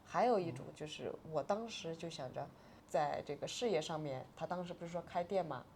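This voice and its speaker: A woman's voice: low voice, fairly quick, darkish tone, slight background noise. A woman in her forties, an interview guest, telling a painful personal story with agitated, tearful swings between subdued and raised voice.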